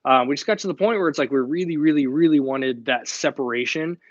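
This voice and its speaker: A man's voice: fairly high pitch, fast talker, no room sound. Man, young adult, live Q&A host, casual and direct, dry dull audio. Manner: casual and direct, chatty with fillers.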